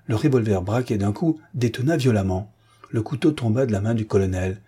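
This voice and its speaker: A man narrating a classic novel with a measured, dramatic reading. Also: lowish voice, warm tone, husky. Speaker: audiobook narrator. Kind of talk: scripted narration.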